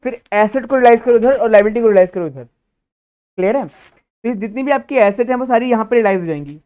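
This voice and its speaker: Briskly and in a very high voice, a man teaches accounting by answering his own questions. He scolds a student during the lecture, which is captured in a tinny, phone-style recording.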